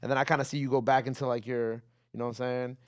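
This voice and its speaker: Young guy host, talks quick, loose rambling questions. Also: medium pitch, level tone, clear, resonant tone. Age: 20s. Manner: rambling questions, many fillers and hedges. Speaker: interview host. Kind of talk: casual interview chat.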